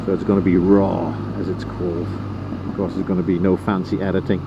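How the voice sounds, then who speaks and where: A low-voiced man from the Netherlands, a motorcycle vlogger, talks casually into a helmet intercom headset mic while riding outdoors. His commentary is brisk yet rambling and relaxed, full of ums and uhs, and his Dutch accent comes through. The muffled, lo-fi audio is swamped by loud wind roar plus engine and road noise.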